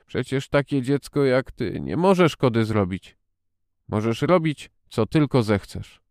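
A man voicing a weary, sickly middle-aged guardian who talks slowly and absently, read as an audiobook character. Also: medium pitch, sing-song, darkish tone, no room sound, clean studio sound, pitched above the performer's own voice. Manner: tired, slow, absent-minded.

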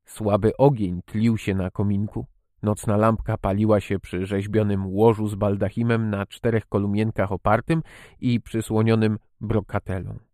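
Low-voiced guy reading a story, slow and measured, dry sound. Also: little pitch movement, mellow, no echo. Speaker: audiobook narrator. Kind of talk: scripted narration.

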